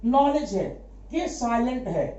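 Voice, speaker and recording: Slow, lively man teaching in an echoey room. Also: very high-pitched. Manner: drills with quick rhetorical questions and answers them himself; repeats key words for emphasis. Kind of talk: classroom grammar lesson. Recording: echoey room, dull lo-fi sound.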